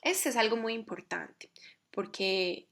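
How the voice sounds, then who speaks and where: A woman teaching a grammar lesson, explaining carefully and reading example sentences slowly. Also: mid-range voice, expressive, vocal fry, a bit bright. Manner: measured, reads English examples slowly and carefully. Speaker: English teacher.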